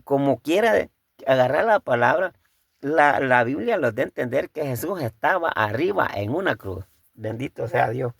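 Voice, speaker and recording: A man's voice: mid-range voice, expressive, gravelly, dry recording, clean studio sound. A man preaching a sermon in a conversational way, calling his listeners brother, asking rhetorical questions and repeating words as he gathers his thoughts. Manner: halting, repeats words as he thinks.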